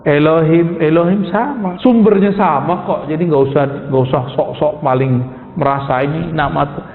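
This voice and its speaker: A man preaches in a high, bright voice, and his words ring out through a big echoing hall. The sound is thin and tinny, like a phone line. He keeps it casual, asking his listeners questions and addressing them directly. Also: normal speed, a little hiss or hum. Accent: Indonesian. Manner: informal, addresses listeners as "Pak", asks rhetorical questions. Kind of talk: sermon.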